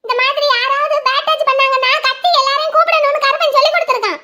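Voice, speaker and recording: A woman voicing a naive young girl bride in a cartoon, chattering in a shrill, breathless way. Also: steady tone, quick pace, bright, forceful tone, exaggerated voice. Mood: tattling. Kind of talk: cartoon voice acting.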